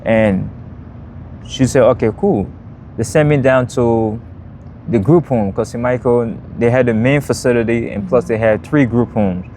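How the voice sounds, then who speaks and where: A man in his thirties from Liberia, speaking with a Liberian accent, telling his life story as an interview guest in a plain, steady way. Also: mid-range voice, unhurried, a little hiss or hum. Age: 30s.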